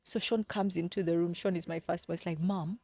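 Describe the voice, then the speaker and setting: In her thirties and from Kenya, this woman speaks fast in a fairly low, steady, slightly mellow voice. She's a podcast guest sharing personal stories candidly, earnest and reflective, often repeating words as she searches for them.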